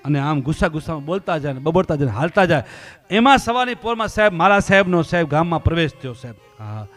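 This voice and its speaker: A man giving a devotional story discourse, acting out the story voices and swinging from quiet telling to loud pleading. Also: on the high side, lively intonation, fast talker, faint music behind. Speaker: religious storyteller.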